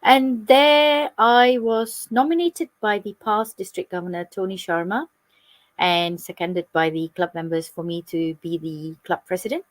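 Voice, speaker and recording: A woman's voice: mid-range voice, steady tone, unhurried, dry recording. A woman from Malaysia, a club president, answering interview questions over a video call in a friendly, fluent way.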